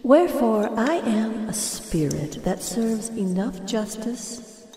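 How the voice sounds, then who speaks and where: A woman's voice: fairly high pitch, slight background noise, heavily acted. A woman voicing a solemn, echoing coin spirit. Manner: formal, measured, calm. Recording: echoey with long reverb.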